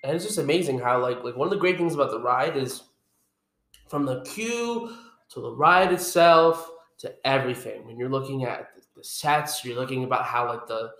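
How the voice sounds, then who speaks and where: Relaxed young man in a roomy echo. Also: medium pitch. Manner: relaxed, halting, many restarts and "like". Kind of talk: casual chat.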